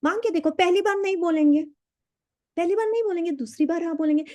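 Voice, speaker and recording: A woman's voice: extremely high pitch, fast talker, darkish tone, no room sound. A middle-aged woman coaching a live online session, chatty and teasing, slipping into English and acting out the lines she quotes. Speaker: EFT and meditation coach. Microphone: video call.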